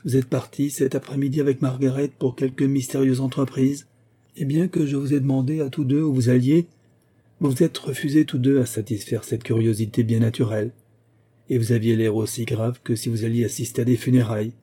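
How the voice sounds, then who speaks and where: Male narrator voicing older widowed mother, fretful and reproachful, husky and dark. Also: mid-range voice, level tone, fairly quick, close to an everyday voice.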